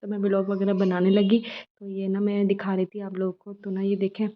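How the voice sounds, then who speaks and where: A young woman tells a shopping story in a fast, chatty flow, her pitch staying flat and even. The recording sounds dull and lo-fi. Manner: chatty, storytelling, quotes shopkeepers and family. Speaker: vlogger. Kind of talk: casual shopping vlog narration.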